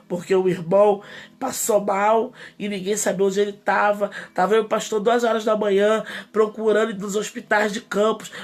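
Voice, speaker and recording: A woman in her thirties with a Brazilian accent, a pastor preaching an impassioned, indignant sermon in rising bursts. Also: on the high side. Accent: Brazilian Portuguese. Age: 30s.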